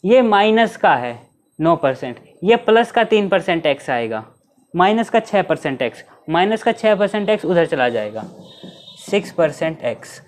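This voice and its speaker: A man's voice: high voice, sing-song. Man teaching exam math step by step. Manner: explains step by step, asking students rhetorical questions; reads English questions slowly, mixing Hindi and English. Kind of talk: exam-prep math lesson.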